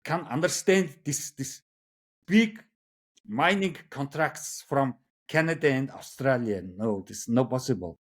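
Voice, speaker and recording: A man with a Mongolian accent, a native Mongolian speaker, talking casually and giving opinions in halting English, often repeating words for emphasis. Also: mid-range voice, expressive, husky. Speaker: interview guest.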